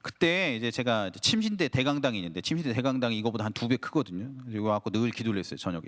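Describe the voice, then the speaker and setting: Animated Korean pastor preaching. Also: male voice, medium pitch, rapid-fire. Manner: animated storytelling, acting out his own prayers and frustration; talks to the congregation with frequent direct questions. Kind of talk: sermon to a young adults' service. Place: church sanctuary. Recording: long hall reverb.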